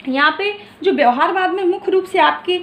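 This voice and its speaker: A woman's voice: very high voice, brisk, a bit bright, reverberant. A woman teacher giving an exam-prep lecture, asking and answering her own questions and checking in with "okay" after nearly every point. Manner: repeats "ठीक है" often, asks and answers own questions.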